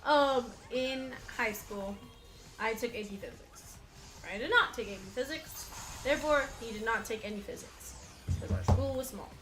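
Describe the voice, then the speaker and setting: A woman's voice: on the high side, moderate pace, a bit bright, faint music behind, rough recording. A woman co-hosting a casual gaming chat with her partner, playful and teasing, laughing often. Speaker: co-host playing a video game.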